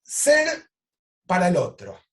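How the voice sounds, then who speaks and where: A man with an Argentine Spanish accent, a psychoanalyst lecturing over a video call and telling clinical cases in a lively, animated way. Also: high voice, slow pace. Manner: animated storytelling, acts out quoted lines. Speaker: psychoanalyst teaching an online course.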